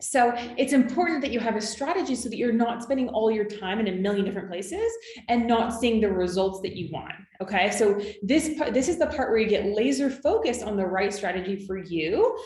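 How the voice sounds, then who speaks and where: A woman in her thirties from California, working as a business coach, addresses her viewers on camera with encouragement and frequent "okay?" and "right?" check-ins. She sounds a little high, animated and brisk, with a darkish tone in a reverberant space.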